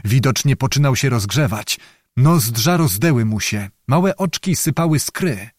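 A historical novel is told by a man with a typical male pitch, whose storytelling is measured, dramatic, and expressive. The sound is close and dry, with no echo, as if recorded in a small booth.

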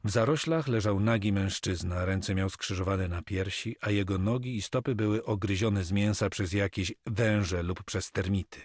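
A man narrating an adventure audiobook in a steady, measured way. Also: fairly low pitch, husky, no room sound, studio quality. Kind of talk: scripted narration.

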